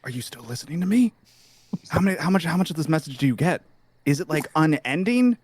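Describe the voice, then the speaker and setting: Excitable man asking rapid questions. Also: a little high, husky. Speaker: player. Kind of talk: casual tabletop play.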